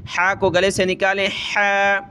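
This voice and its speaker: Guy teaching quran reading, high clear voice, flat delivery, rattles off rules then chants slow. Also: slight background noise. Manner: explains fast, then recites slowly and drawn out. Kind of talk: step-by-step recitation lesson.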